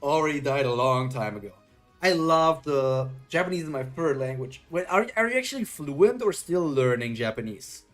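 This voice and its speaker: A man with a higher-leaning, expressive voice talks casually on a live stream as he reacts to a webtoon and reads chat out loud. He's chatty and keeps questioning himself, speaking at a moderate pace with a slightly bright tone and faint music in the background.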